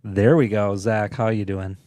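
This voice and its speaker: A man's voice: fairly low pitch, fairly even intonation, a little slow, mellow, dry recording. A middle-aged man, a father co-hosting a casual sports podcast with his son, talking in an easygoing, playful way with plenty of fillers. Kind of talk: casual chat.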